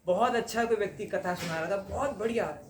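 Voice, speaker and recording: A man's voice: high voice, a little fast, noisy background. A man teaching a devotional class in a conversational way, often checking in with his listeners in front of a live audience. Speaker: spiritual teacher. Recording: roomy hall with faint ambience.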